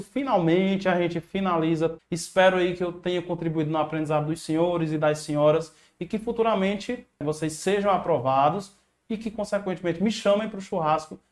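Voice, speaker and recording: A man with a Brazilian accent teaching grammar in an online video lesson, casual and encouraging with slang. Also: a little high. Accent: Brazilian Portuguese. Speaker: exam prep teacher.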